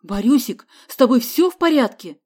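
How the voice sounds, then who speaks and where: A woman voicing a panicky, fussy middle-aged man who wails loudly and shrilly. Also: normal speed, lightly acted. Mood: alarmed. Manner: shrill, loud, wailing.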